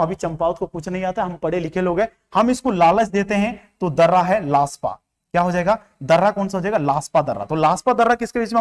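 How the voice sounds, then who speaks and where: A male teacher from Uttarakhand, with that region's Hindi accent, teaching exam students through a mnemonic story. He keeps asking questions and answering them himself, repeats key terms, and briefly acts out the characters. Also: high-pitched. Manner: acts out little story voices. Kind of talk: exam-prep mnemonic lesson.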